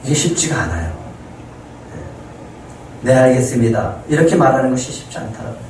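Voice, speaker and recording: A man's voice: medium pitch, big pitch swings, very fast. A male pastor preaching a Sunday sermon, telling a scripture story and acting out the lines of its characters with rising emphasis. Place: church sanctuary. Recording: echoey room, heard from a distance, faint noise.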